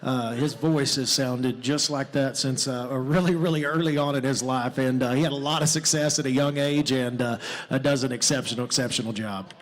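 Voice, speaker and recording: Halting male announcer, mid-pitched. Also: fairly even intonation. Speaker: event announcer. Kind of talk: stage introduction.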